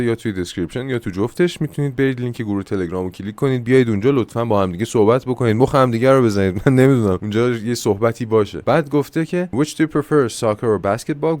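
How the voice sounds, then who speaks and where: A low-pitched man with a Persian accent teaches an English lesson casually, his voice rising and falling a lot. He talks fast in Persian and slows down for the English examples. The sound is dry and close. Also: a little mellow, dry recording. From Iran.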